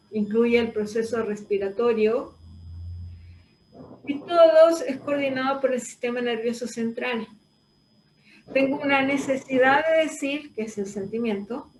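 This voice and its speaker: Woman, voice teacher, high voice, thoughtful explaining, echoey room, mic far off. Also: slight background noise. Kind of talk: reflective conversation.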